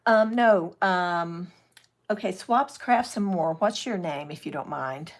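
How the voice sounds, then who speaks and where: Gravelly older woman chatting while crafting. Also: fairly low pitch, slow pace. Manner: chatty, reads and answers viewer comments. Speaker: craft channel host. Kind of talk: casual live craft demonstration.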